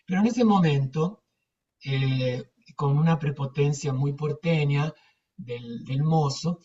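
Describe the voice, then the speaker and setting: Speaking slowly in a low, mellow voice, the older theatre teacher with an Argentine accent tells casual, rambling stories, emphatic and repetitive. The audio is dull and muffled, picked up from a distance.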